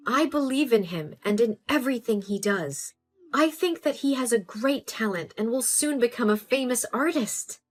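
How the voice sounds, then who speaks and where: An actress playing a devoted mother and fed-up wife who stands up to her husband in a calm, measured way. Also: a little high, faint music behind. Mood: earnest. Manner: calm, measured, quietly defiant.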